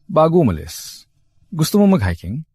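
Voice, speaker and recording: A man's voice: on the high side, huge pitch swings, moderate pace, a little mellow, breathy edge, no echo, full character voice. An actor dubbing an easygoing, playful young male pilot in a drama. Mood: friendly. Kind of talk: dubbed drama acting.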